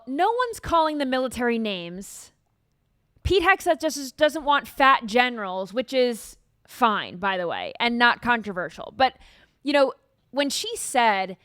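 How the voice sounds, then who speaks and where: A woman's voice: high-pitched, a bit bright, no room sound, clean studio sound. A woman hosting a commentary show, talking in a dismissive, emphatic way. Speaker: show host. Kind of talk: opinionated commentary.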